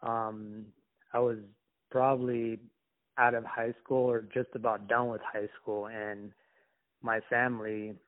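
A young man from Somalia, an interview guest, talking in a halting, reflective way with many restarts. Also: medium pitch, flat delivery. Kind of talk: casual conversation. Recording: tinny phone-like call line.

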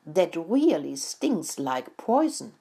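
A woman reading as a calm fatherly mouse. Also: lowish voice, slow, vocal fry, slightly rough, exaggerated voice. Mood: explaining. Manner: calm explaining. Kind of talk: storybook reading.

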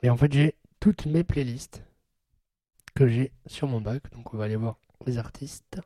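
Mellow man, casual tutorial, low-quality audio. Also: unhurried. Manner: informal, hesitant, thinking aloud. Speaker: podcast host giving a tech tutorial. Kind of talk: casual spoken demonstration. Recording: low-quality sound from an old mixing desk.

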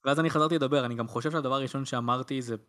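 A young man co-hosts a podcast. He speaks in a casual, conversational way. His voice is medium in pitch. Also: fairly even intonation, a bit bright. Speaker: podcast co-host. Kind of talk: casual chat.

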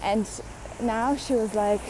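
Slow-talking young woman venting casually. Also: on the high side, background noise. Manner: chatty, blunt, swears, many fillers. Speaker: vlogger.

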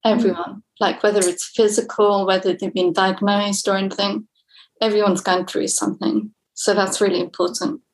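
A woman's voice: medium pitch, fairly even intonation, normal speed, vocal fry, rough recording. Woman doing an interview, lots of mm and yeah, then asks the next question. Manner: supportive, brief affirmations. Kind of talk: personal interview.

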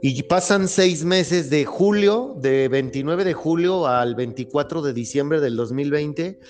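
A man's voice: on the high side, unhurried, a little mellow, faint music behind. Earnest man hosting a faith podcast. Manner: earnest, rambling, with frequent restarts and fillers. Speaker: podcast host. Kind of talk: casual faith-based podcast conversation.

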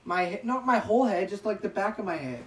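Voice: mid-range voice, expressive, quick pace, slight background noise. A podcast co-host in casual chat, chiming in with jokes and odd stories. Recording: roomy sound from a distant mic.

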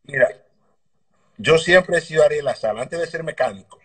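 A man with a Dominican accent, a mechanic telling stories from his past in a relaxed, rambling way in an interview over a video call. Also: a little high, normal speed. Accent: Dominican Spanish. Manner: relaxed, rambling anecdotes with slang. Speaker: guest, motorbike mechanic. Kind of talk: casual interview storytelling. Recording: distant video call audio.

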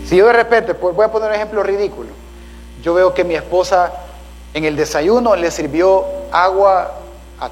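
A man's voice: high-pitched, a little hiss or hum, low-quality recording. A man preaching a sermon as a pastor, calling listeners "brother" and asking them rhetorical questions.

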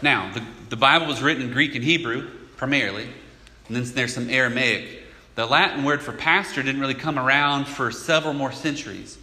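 Bright-voiced male pastor in an echoey hall. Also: mid-range voice, brisk. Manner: conversational, emphatic, with asides. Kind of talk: sermon. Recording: echoey hall with long reverb.

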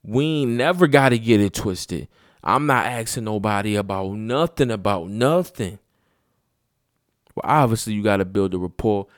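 Man, low voice, sleepy, rambling and profane, late-night talk, dry close sound. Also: animated, normal speed, no room sound. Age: adult father. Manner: rambling, profane, repeats himself. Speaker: host. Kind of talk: late-night casual monologue. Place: his room at night.

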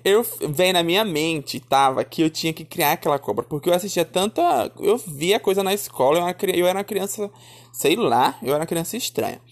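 A man telling a childhood story in a lively, chatty way, calling his listeners darling and my son. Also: high voice, brisk. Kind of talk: casual storytelling.

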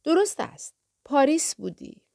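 A woman's voice: high voice, sing-song, vocal fry, darkish tone, pitched above the performer's own voice, exaggerated voice. A woman voicing a distant man on the phone who answers in a guarded, curt way. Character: distant, cool man brushing off a caller.

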